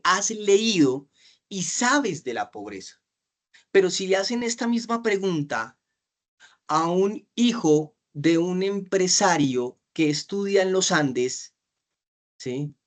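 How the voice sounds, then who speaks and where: A man with a Colombian accent teaching an exam-prep class, asking questions, stretching out key phrases and often checking "¿sí?". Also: on the high side. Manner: slows down to stress key phrases.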